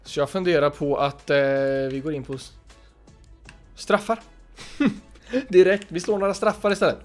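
A man with a Swedish accent commentating his own football video game match, shouting encouragement at his players and breaking into excited bursts. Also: a little high, soft background music. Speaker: gaming youtuber.

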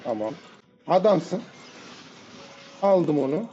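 A man commenting live on his own match, his voice leaping up and down as he yells at teammates in sudden excited bursts. His tone is dark and mellow. The mic sounds dull and lo-fi, with faint music underneath. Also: on the high side, slow pace, slight background noise. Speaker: gamer playing a ranked match.

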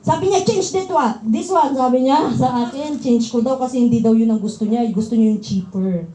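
A woman with a Filipino accent giving a church testimony, telling her story in a lively way with frequent laughter. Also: a little high, a little fast, echoey room, slight background noise, low-quality recording. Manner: lively storytelling, laughing often, acting out quoted voices. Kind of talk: sermon with personal testimony.

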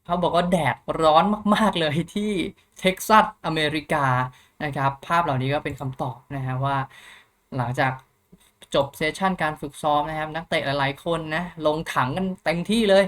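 A young man hosts a football news channel, casually running through the latest updates while thinking aloud and using lots of polite filler particles. His voice is on the high side and fairly bright, at a normal speed.

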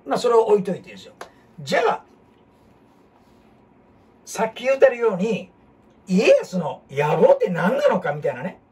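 A man with a Kansai accent, hosting a casual history talk as an animated storyteller who jumps between topics and asks rhetorical questions. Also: sits high, moderate pace, long pauses. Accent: Kansai Japanese. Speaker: host. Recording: husky voice from far off the mic.

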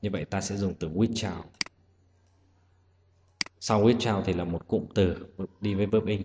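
A man's voice: low-pitched, steady tone, unhurried. A man teaching an exam-prep English lesson, explaining each answer patiently, step by step. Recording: echoey room with loud hiss.

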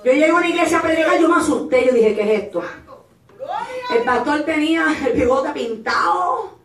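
High-voiced woman preaching in an echoey hall. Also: lively intonation, a little fast, background noise. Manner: impassioned, shouting at peaks, acts out voices of others. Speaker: evangelist preacher. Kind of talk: Pentecostal sermon. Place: church. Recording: echoey church hall, mic at a distance.

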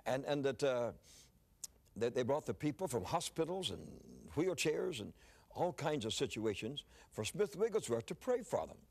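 A man's voice: medium pitch, big pitch swings, moderate pace, a little mellow, husky. An older man preaching, telling a story in a sermon, often repeating words as he starts a phrase.

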